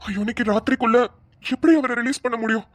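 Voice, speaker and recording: A woman's voice: fairly high pitch, steady tone, fast, dry recording, natural voice. A woman voicing a harried young male police officer who rants in exasperation, for a cartoon. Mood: pleading. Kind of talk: dubbed cartoon voice acting.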